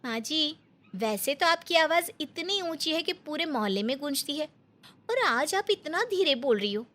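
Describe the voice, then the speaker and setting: A cheeky young daughter-in-law from a storybook, played by a woman, her voice fairly high. She answers in an exaggerated, mock-innocent way that is full of teasing. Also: very animated, normal speed, bright, forceful tone, heavily acted. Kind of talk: Hindi storybook voice acting.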